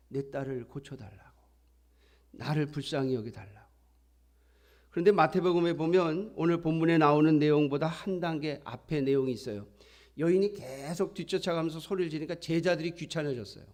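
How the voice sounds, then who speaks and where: A middle-aged pastor delivers a sermon in a relaxed, conversational way. His voice sits a little high for a man. Now and then he slips into acting out the voices he quotes. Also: fairly quick.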